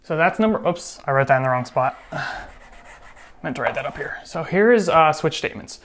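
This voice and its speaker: A man's voice: on the high side, lively intonation, normal speed, fairly bright tone, a little hiss or hum. Chatty man teaching code. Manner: chatty, self-correcting, joking asides. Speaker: programming instructor. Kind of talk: casual screen-recorded coding tutorial.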